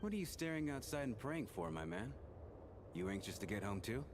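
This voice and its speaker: A man's voice: lowish voice, very animated, brisk, noisy background. An actor voicing a blunt, cocky grown man in a game, matter-of-fact. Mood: teasing.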